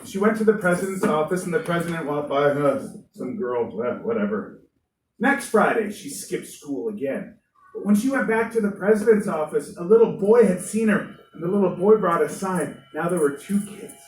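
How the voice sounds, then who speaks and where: A woman teacher telling a lively story to children in a classroom, playing up the characters' voices. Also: lowish voice, a little fast. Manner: lively, animated, playful voices. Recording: roomy room, distant mic, faint noise.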